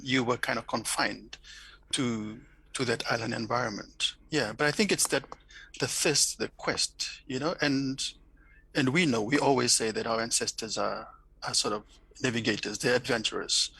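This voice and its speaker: Reflecting thoughtfully in an interview, a middle-aged Fijian academic speaks English with a Fijian accent, often restarting and repeating words. His mid-range voice is creaky and sharp with a breathy edge, on a dry recording of poor audio quality.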